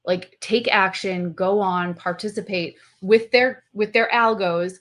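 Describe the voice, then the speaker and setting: Talkative woman interview guest, mid-range voice, animated, heavy on fillers and restarts. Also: mid-range voice, measured pace. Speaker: guest, company representative. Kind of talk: casual conversational interview.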